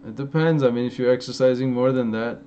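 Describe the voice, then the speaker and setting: A fast talker with a mellow, medium-pitched voice, this young Angeleno has an American accent carrying Armenian influence. He fields live chat questions in a casual stream Q&A, rambling with lots of fillers and restarts. Faint noise and a slightly dull lo-fi sound characterize the audio.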